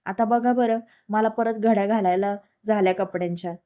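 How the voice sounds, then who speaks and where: A woman's voice: medium pitch, steady tone, normal speed, warm tone, dull audio, close to an everyday voice. A woman reading a storybook voices a young married wife who scolds sharply and sounds worn out. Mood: scolding. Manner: scolding, exasperated.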